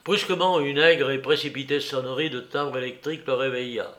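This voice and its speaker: A man narrating a story aloud in a slow, measured, storytelling manner. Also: mid-range voice, a bit bright. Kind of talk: audiobook narration.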